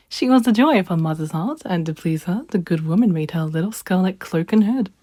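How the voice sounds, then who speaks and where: Gentle woman storyteller, mellow voice. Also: mid-range voice, no room sound, studio quality. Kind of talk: children's story reading.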